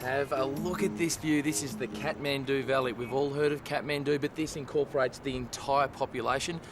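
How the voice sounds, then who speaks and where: Over loud music, a man with a mid-range, fairly evenly intoned voice talks a little fast as he presents a travel documentary. He's an enthusiastic Australian, cheerfully speaking to the audience partly on camera and partly through scripted narration, with noisy outdoor audio.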